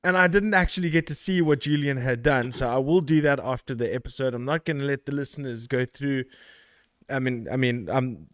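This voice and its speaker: A man's voice: medium pitch, no echo, clean studio sound. A man from South Africa hosting a podcast in casual chat, rambling, laughing and swearing loosely. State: out of breath. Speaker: podcast host.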